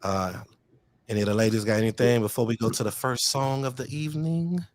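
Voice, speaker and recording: A man's voice: mid-range voice, brisk. A man hosting an online radio talk show, chatting casually and telling a personal story. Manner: relaxed, storytelling, yields the floor. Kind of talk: casual chat.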